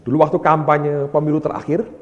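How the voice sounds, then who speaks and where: A male pastor preaching a sermon, telling stories with lively energy and often addressing the congregation directly. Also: fairly high pitch, fast talker, highs cut off. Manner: animated storytelling, often calling the congregation "brothers". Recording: long hall reverb.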